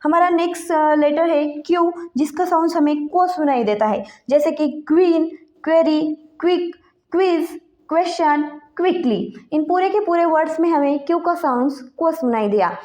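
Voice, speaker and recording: A woman teaching an English pronunciation lesson, slowly listing example words one by one. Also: high-pitched, a little mellow.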